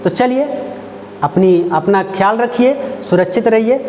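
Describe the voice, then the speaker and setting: A male Hindi grammar teacher from Uttar Pradesh giving an online class, repeating example phrases slowly and checking understanding with rhetorical questions. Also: high voice, darkish tone, a little hiss or hum. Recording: echoey, dull lo-fi room recording.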